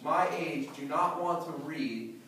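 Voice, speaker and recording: A teenage student who stutters gives a prepared talk to an audience, repeating words and hitting blocks. His voice is on the high side, a little slow and sharp in tone. He sounds far off in an echoey hall, with slight background noise.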